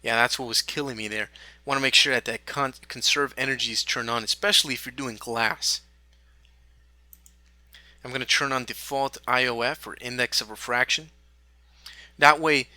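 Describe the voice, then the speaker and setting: A man teaching a software tutorial, talking through each step in a relaxed way with small fillers. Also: mid-range voice, no echo. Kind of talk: screen-recorded software tutorial.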